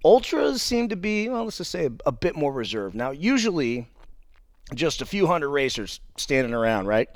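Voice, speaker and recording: A man's voice: fairly high pitch, very animated, normal speed, dry recording. A man, a father of three and an ultramarathon runner, telling his race story in a casual, jokey, conversational way, full of playful euphemisms. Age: adult father of three. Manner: often opens sentences with "now". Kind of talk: casual first-person race recap.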